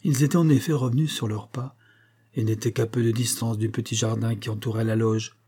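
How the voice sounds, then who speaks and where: A man narrating a novel as an audiobook in a measured, even reading manner. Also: mid-range voice, slightly rough.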